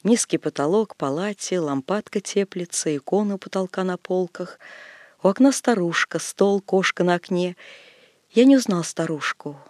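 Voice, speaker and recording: A man narrating literary prose in slow, emotional, halting phrases. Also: high-pitched, darkish tone, dry recording, clean studio sound. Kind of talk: literary audiobook reading.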